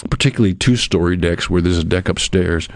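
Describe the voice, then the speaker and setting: A male radio host chats casually with a guest. His lowish voice rambles and circles back, in a dry studio sound. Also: fairly quick, no room sound. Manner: rambling, repeats and rephrases. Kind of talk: casual interview chat.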